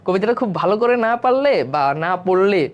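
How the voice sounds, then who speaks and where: A man's voice: high-pitched, animated, moderate pace, dull audio. A man teaching a live online exam-prep class. He works through the answers step by step and keeps checking in with his students. He slips English words into his explanations. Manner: mixes English words into speech.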